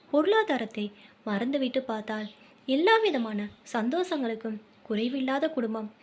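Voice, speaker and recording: Tamil woman reading a short story. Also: a little high. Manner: reads dialogue and narration in one voice.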